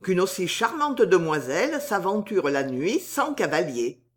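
Woman reading as a gallant young male poet, flowery and slow, lively pitch. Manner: grand, pleading declarations.

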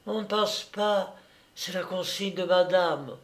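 A man voicing a stubborn young maid who insists, in a raised voice, that nobody passes. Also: takes it slowly. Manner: high, insistent refusals.

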